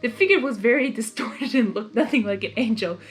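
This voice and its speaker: Over soft background music, a woman with a slightly high voice briskly reads fan fiction aloud with expression. She breaks in with informal, chatty asides reacting to the story.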